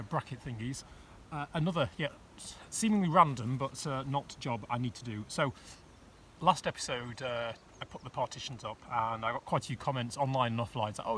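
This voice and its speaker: A man's voice: mid-range voice, a bit bright, a little hiss or hum. Rambling middle-aged man filming his boat build. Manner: rambling, many fillers and restarts, self-deprecating. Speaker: vlogger fitting out a narrowboat. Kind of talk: casual self-filmed build vlog. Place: outdoors on a boat roof and inside a boat workshop.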